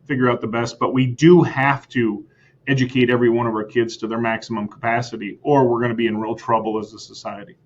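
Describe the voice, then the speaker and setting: An American man speaks as a school superintendent in a podcast interview. His voice sits at a middle pitch, and the audio sounds slightly dull. He talks earnestly, restating his points and checking in with "right?". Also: little pitch movement, fast. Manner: earnest, repeats words, tags lines with "right?".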